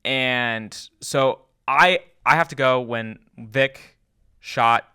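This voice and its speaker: A young man co-hosting a podcast, chatting in quick animated rambling bursts. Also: mid-range voice, smooth. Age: young adult. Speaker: podcast co-host. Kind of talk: casual chat.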